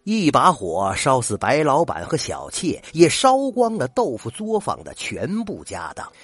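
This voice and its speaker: Animated old male folk storyteller. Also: medium pitch, a little slow, slightly rough, no room sound, faint music behind. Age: older. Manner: animated, dramatic narration.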